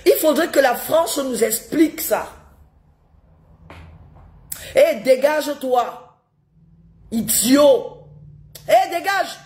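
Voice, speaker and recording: In a high voice with lively intonation and a darkish tone, this woman draws out her words and leaves long pauses. Suffering a head cold, she's a political live streamer ranting at her viewers, indignant and scolding, repeating rhetorical questions.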